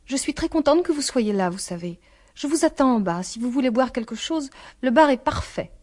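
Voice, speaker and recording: A woman's voice: high-pitched, expressive, brisk, darkish tone, pitched above the performer's own voice. Female reader doing a poised, cool older woman; composed, slightly tired, storybook voice. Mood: polite.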